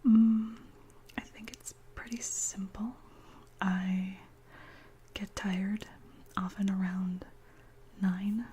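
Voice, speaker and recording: A woman whispering gently as an ASMR channel host, chatting slowly with many soft pauses. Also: mid-range voice, level tone, a little hiss or hum.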